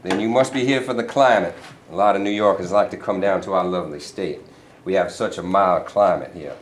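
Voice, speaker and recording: Another actor gives the sly, smooth-talking state governor a low, brisk, natural voice, sounding evasive, patronizing and falsely genial as he talks down to his visitors. This staged reading was recorded from a distance in an echoey room with a faint hiss.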